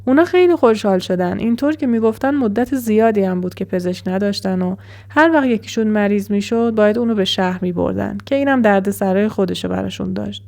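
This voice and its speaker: A woman narrating a first-person horror story in an even, measured way as storyteller. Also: mid-range voice, vocal fry.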